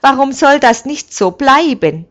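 A woman voicing a loyal, grey-haired old male servant who talks in a gruff, grumbling, emphatic way. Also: high voice, expressive, a little slow, fairly bright tone, pitched above the performer's own voice. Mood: pleading.

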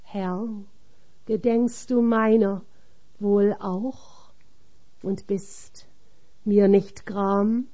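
Humble devoted woman, read by a woman, earnest, very slow, mellow. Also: mid-range voice, steady tone, dull audio.

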